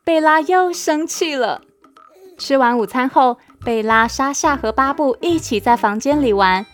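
A woman narrating a children's storybook in a lively, expressive way. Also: sits high, measured pace, faint music behind.

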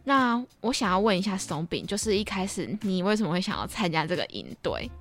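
Over background music, a young podcast host with a Taiwanese Mandarin accent keeps things chatty, giggly and self-deprecating. She talks briskly in a mid-range voice with lively intonation.

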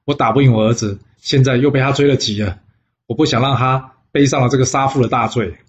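A man's voice: medium pitch, steady tone, quick pace, a little hiss or hum, natural voice. Man voicing a desperate harried general, middle-aged, Taiwanese Mandarin accent, slightly dull recording.

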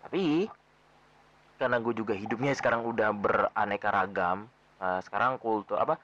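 A man's voice: on the low side, moderate pace, fairly bright tone, dull audio, slight background noise. A young man from Jakarta with a Betawi accent, hosting a podcast in loose, rambling casual talk full of fillers. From Jakarta, Indonesia. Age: young adult. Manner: loose, rambling, many fillers and self-corrections. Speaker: podcast host.

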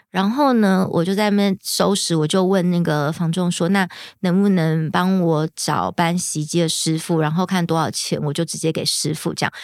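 A young woman hosts a podcast, casually telling a story and quoting people in lively voices. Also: lowish voice, no room sound, studio quality. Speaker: podcast host.

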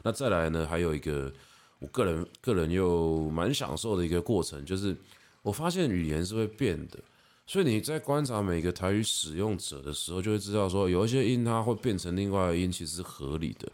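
A man in his thirties with a Taiwanese Mandarin accent, hosting a podcast and patiently explaining pronunciation, slowly demonstrating sounds. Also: low-pitched, lively intonation, a little mellow. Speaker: podcast host. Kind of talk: casual explanatory monologue.

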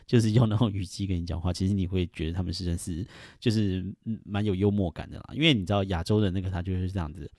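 A man's voice: deep voice, steady tone, fast, a little mellow, no echo, clean studio sound. A middle-aged man hosting a casual solo podcast, rambling and chuckling, with many fillers. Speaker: podcast host.

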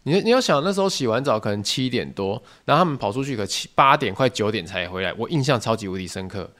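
A man hosting a solo podcast, telling stories in an animated, joking, mock-outraged way. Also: medium pitch, fast. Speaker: podcast host.

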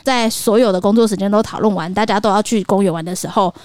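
A woman in her thirties chats quickly and animatedly on a podcast, often slipping into little voices for a child and a teacher. Her voice is mid-pitched and recorded dry and close, with no room sound around it. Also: a little mellow, clean tone, no echo. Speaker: podcast co-host. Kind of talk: casual chat.

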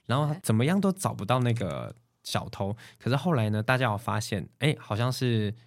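A man's voice: medium pitch, brisk, dry recording, studio quality. A man with a Taiwanese Mandarin accent, a podcast guest telling stories in casual chat and acting out the voices of people he quotes. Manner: animated, acts out quoted voices.

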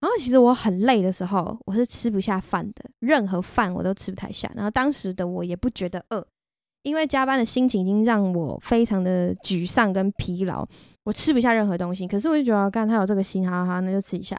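A woman's voice: mid-range voice, fast, dry recording, studio quality. A woman with a Taiwanese Mandarin accent, hosting a podcast and telling a personal story in a candid, chatty, self-deprecating way. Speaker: podcast host. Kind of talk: casual personal storytelling monologue.

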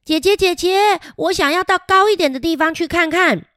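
Woman doing a squeaky eager little penguin boy. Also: moderate pace, a bit bright, no room sound, studio quality. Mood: eager pleading. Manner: eager, pleading, high and bouncy. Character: small excited penguin boy brothers.

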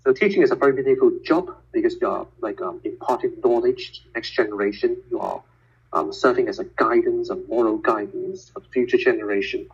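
A physicist and educator whose first language is Cantonese chats casually over a call, explaining things in a measured way with lots of filler words. His mid-range voice is creaky and slightly rough, and the recording sounds muffled.

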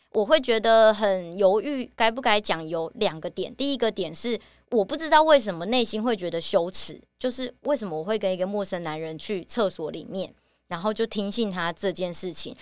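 A young woman with a Taiwanese Mandarin accent, hosting a podcast and telling a personal story in a halting, reflective way. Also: mid-range voice, clean tone, no echo. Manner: halting and reflective, with many fillers. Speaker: podcast host.

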